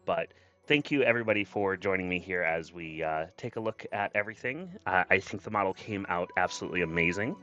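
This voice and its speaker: A man's voice: sits low, fast talker, hardly any pauses, pushed and bright, lo-fi sound. A man chatting casually on a livestream as a VTuber, effusive and grateful in manner. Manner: effusive, grateful, often thanking viewers. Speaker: streamer and VTuber. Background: background music.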